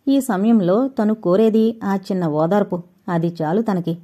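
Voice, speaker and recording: A woman reading an audio novel aloud in steady storytelling narration. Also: mid-range voice, unhurried. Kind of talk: scripted narration.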